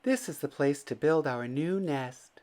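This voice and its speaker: A man's voice: fairly high pitch, a little slow, darkish tone, pitched above the performer's own voice, natural voice. A man voicing a fussy, decisive female bird, the wife in a children's storybook, speaking emphatically. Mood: pleased.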